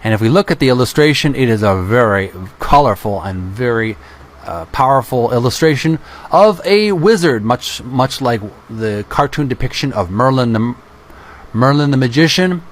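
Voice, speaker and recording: Reading a book aloud for his channel, the male host breaks in with casual descriptive remarks delivered in choppy, fragmentary bits. His voice is medium in pitch and expressive.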